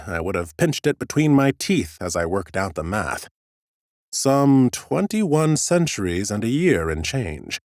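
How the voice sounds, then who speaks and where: In a studio-quality recording with no room sound, a lowish-voiced man narrates an audiobook in the first person as an ancient undead scholar. He plays him as a fussy, smug, whimsical gentleman, theatrical and drily funny.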